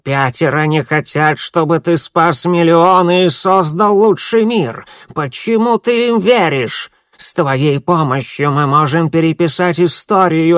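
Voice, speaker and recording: A man voicing a croaking sinister old crone. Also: a little high, a bit bright, no echo, clean studio sound, pitched above the performer's own voice. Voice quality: creaky, hoarse. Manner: slow, pleading, insistent questioning. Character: sinister croaking old woman, undead messenger. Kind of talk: audiobook narration.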